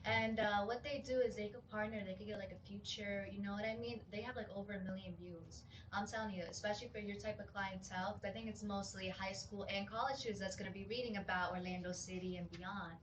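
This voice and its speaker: A woman in the audience talks in a chatty, enthusiastic way. She is caught from a distance in an echoey hall. Clear background noise sits under her voice. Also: medium pitch, fairly even intonation, quick pace. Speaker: audience member.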